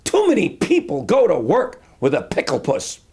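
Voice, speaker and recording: A man's voice: high-pitched, normal speed. A man in his fifties giving an upbeat motivational talk to camera in a book-lined study. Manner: upbeat, animated, gesturing. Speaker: motivational coach. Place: indoor study with bookshelves.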